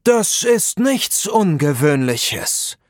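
This is a solemn old leader of wizards in a fantasy audiobook, voiced by a man who also reads the narration. He talks slowly and gently, like a patient father. The voice is lifted a bit in pitch and sounds close and dry. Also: expressive, dry recording. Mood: solemn, fatherly. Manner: slow, solemn and paternal.

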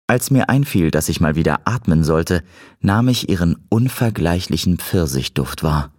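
A man narrating a novel in the first person, in a measured storytelling manner, close to the mic. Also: low voice, lively intonation, darkish tone, no room sound. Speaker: audiobook narrator.

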